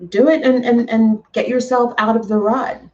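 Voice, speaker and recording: A woman's voice: on the high side, steady tone, moderate pace, a little mellow. Woman chatting on a slightly dull, distant mic. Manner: encouraging, emphatic and repetitive. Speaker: livestream host. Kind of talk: casual chat to live viewers.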